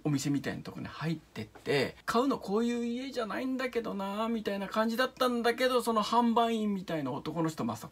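A man chatting casually about a film he has seen, his voice very breathy and husky throughout. His pitch swings widely as he tells the story, and he keeps sinking into a low whisper to build suspense. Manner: animated storytelling, often drops into hushed whispers. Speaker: channel host reviewing films. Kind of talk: casual film review talk.

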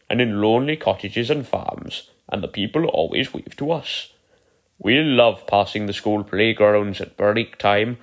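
A man's voice: medium pitch, natural voice. A man voicing a lonely, earnest old male narrow-gauge engine in a storybook reading, telling his stories in a chatty, proud way. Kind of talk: storybook character voice.

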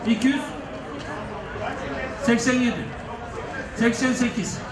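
A man's voice: very high voice, fairly even intonation, slow, crowd noise. A man working as an auctioneer, calling bids at a live auction with repeated figures and last-chance calls. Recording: echoey noisy room, distant mic.

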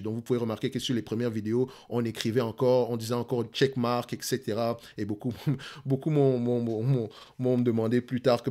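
A man's voice: mid-range voice, darkish tone. A man with a Cameroonian French accent talking casually to his viewers, with a slight stutter and many repeated words. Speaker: investing YouTuber.

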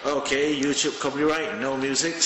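This gadget review comes from a man in his thirties from Malaysia, speaking at a moderate pace with medium pitch and a level tone. He films himself on a handheld phone at a desk indoors at home, musing aloud with fillers in a casual way. Music sits behind a roomy, long-reverb sound.

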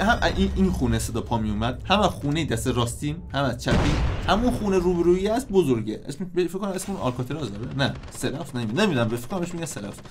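Male gaming YouTuber, casual excitable commentary, slightly high voice, faint background noise. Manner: animated, excitable, restarts and repeats often.

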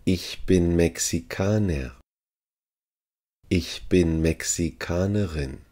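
A man's low, mellow voice reads out short phrases at a careful pace; as a language teacher, he repeats each one for the learners.

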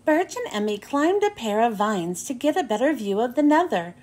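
A woman who reads and hosts children's books reads a storybook aloud, phrasing everything carefully and expressively for young listeners. Her voice is fairly high with a darkish tone, very animated, at a normal speed.

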